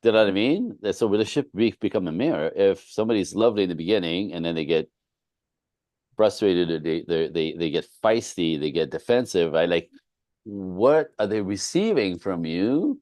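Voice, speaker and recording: A man's voice: low-pitched, lively intonation, moderate pace, a little mellow, no echo. A man co-hosting a relationship podcast, telling candid, self-deprecating stories in casual conversation. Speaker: relationship coach and co-host.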